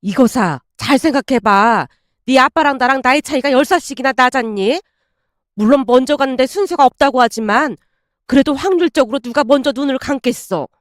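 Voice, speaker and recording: A woman's voice: high voice, lively intonation, a little fast, no room sound, clean studio sound. A woman voicing an anxious middle-aged mother who frets and scolds. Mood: gloomy. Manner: fretful and scolding.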